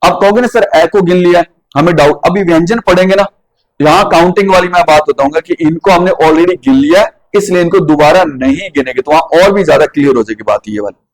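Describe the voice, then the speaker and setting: Male teacher, high-ish voice, Rajasthani Hindi accent, classroom, quizzing and drilling pronunciation. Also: fast talker, low-quality recording. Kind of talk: classroom lesson with questions to students.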